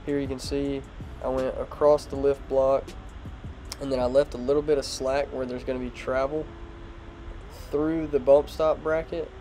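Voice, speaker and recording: In a mid-range voice at a moderate pace, an automotive vlogger with a stuffy nose narrates his garage truck project. The young man keeps it relaxed and plain, with fillers, while music plays behind the voiceover.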